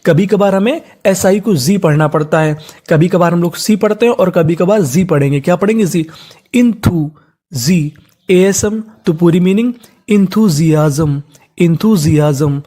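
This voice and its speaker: A teacher giving a spelling lesson who spells each word letter by letter, blends it slowly, and asks and answers their own questions. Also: medium pitch, warm tone. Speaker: English teacher. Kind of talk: spelling lesson, sounding out words.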